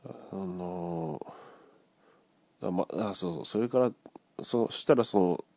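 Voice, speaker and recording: A man's voice: sits low, slow pace, gravelly, mellow, no room sound. A man casually retelling a dream he had, acting out the voices of the people in it. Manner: acts out the voices of people in the story. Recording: dull lo-fi dry recording.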